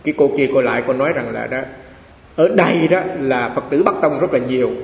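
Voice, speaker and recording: A man's voice: medium pitch, a little fast, vocal fry. A man, a monk giving a Dharma talk in a chatty storytelling way, often repeating phrases. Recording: echoey hall with faint hiss.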